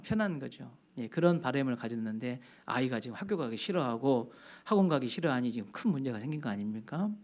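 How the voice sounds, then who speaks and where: A man's voice: on the high side, lo-fi sound. A male pastor preaching a sermon, telling a counseling story in a conversational way and often stopping to affirm his own point.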